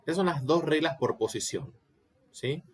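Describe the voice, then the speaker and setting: A man's voice: a little high, lively intonation, moderate pace, slightly rough. A man giving an online Latin class, explaining step by step and often checking that students follow. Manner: patient, explanatory, asks checking questions. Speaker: Latin teacher.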